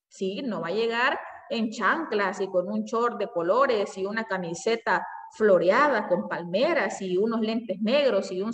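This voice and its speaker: A woman teacher giving a classroom lecture, explaining step by step and answering her own questions. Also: mid-range voice. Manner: self-corrects with fillers. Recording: echoey room, voice from far off.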